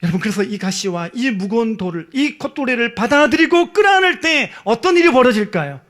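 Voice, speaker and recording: A man preaching as pastor, swinging from hushed whispers to loud, pleading cries. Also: very high voice, animated, a little fast. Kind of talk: sermon.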